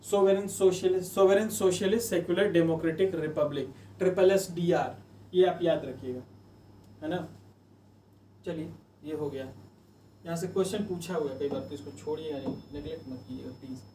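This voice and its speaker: A male coaching teacher talks students through exam mnemonics, circling back and repeating each list many times. His voice sits a little high. The mic is some way off, leaving a roomy echo and a faint hum of ambience. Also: moderate pace, pauses often, mellow, far from the mic. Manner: chatty, repetitive drilling of mnemonics.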